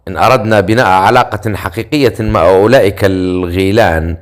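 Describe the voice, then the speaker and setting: A man's voice: fairly low pitch, fairly quick, close to an everyday voice. A man doing a sarcastic male hero. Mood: wry. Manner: sarcastic, dryly teasing. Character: sarcastic, self-assured male hero leader.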